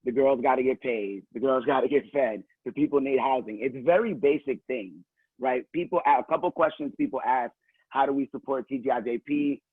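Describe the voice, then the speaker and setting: A man's voice: medium pitch, fairly quick, slightly rough, dry recording. A man speaking on a video call as communications director, nervous and giggly but earnest. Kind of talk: casual online panel talk. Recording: tinny phone-like audio.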